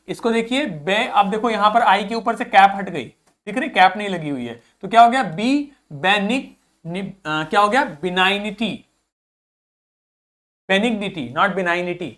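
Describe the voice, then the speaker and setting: Addressing his students as children, a young man teaches a friendly video lesson and works on pronunciation slowly, saying each word again and again. He sounds high-pitched and a bit bright, with lively intonation.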